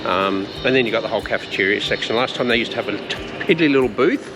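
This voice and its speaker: A man's voice: lowish voice, animated, rapid-fire, music in the background. An Australian man chatting in an informal, matter-of-fact way on a travel vlog. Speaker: travel vlogger. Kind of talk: casual vlog chat.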